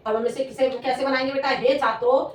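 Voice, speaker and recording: A woman teacher giving a slow, repetitive classroom lesson, dictating sentences and calling her students "beta". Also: high voice, steady tone, a little hiss or hum. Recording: echoey room, voice from far off.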